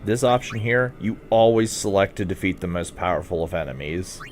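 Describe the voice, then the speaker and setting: A man's voice: deep voice, expressive, a little fast, a little hiss or hum. A man narrating a video game walkthrough as a guide, talking in a casual, conversational way.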